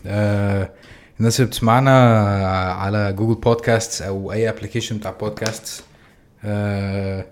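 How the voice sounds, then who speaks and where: A quick-talking man with an Egyptian Arabic accent and a somewhat low voice. He hosts a casual podcast chat, informal and self-deprecating. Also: fairly even intonation. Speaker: podcast host.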